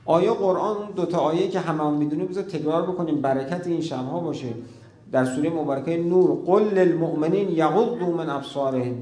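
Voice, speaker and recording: A man preaching a religious sermon, telling stories with feeling and dropping to a hush at key moments. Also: on the high side, echoey room. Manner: emotive storytelling, drops to a hush at key moments.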